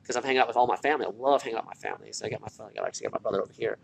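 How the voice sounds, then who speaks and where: A man's voice: on the low side, very fast, gravelly. A tired man talking casually and earnestly in a motivational vlog, repeating himself for emphasis, recorded in a hospital corridor. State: tired from little sleep. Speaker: online marketer and former military recruiter. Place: hospital, such as a corridor or waiting area. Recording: background noise in a hospital. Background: faint hospital ambience.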